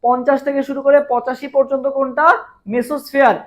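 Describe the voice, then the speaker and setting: A man with a Bangladeshi Bengali accent teaching a live online chemistry class, his voice hoarse from a long day of teaching, repeating questions and drilling answers with students. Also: very high-pitched, little pitch movement, fast talker.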